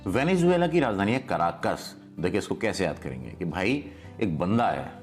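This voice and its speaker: A man teaching memory tricks in a lively, storytelling way, acting out little scenes as he explains. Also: low voice, normal speed, soft background music.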